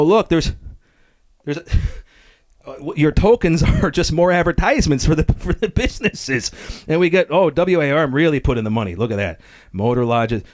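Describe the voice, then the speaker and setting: A man doing an excitable local. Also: a little high, no echo, studio quality. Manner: rambling, gushing, easily excited, stumbling restarts. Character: excitable rambling nostalgic local Scranton guy, middle-aged man. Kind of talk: comedic character review.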